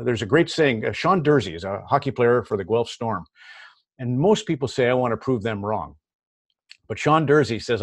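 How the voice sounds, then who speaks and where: Low-voiced man, dry close sound. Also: dry recording. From Canada. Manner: conversational, repeats words when starting a thought. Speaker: hockey broadcaster guest. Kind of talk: casual interview storytelling.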